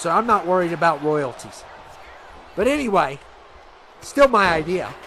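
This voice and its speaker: High-voiced man ranting over wrestling game. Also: noisy background. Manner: indignant ranting, mock outrage, repeats himself. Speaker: commentator of a video game wrestling league. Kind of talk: game commentary.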